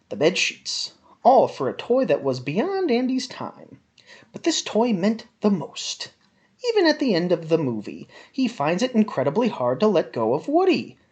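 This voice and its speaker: This woman speaks with a fairly low pitch and a darkish tone. She performs a written review as a theatrical monologue, melodramatic and emphatic, drawing out words for effect.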